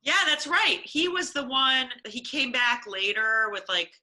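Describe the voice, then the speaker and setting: A woman reads fan fiction aloud on a comedy podcast, playful and animated. Her voice is very bright and forceful, and her pitch leaps around. She also chats between passages. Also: a little slow. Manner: animated, playful, acts out dialogue. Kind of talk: comic dramatic reading and casual chat.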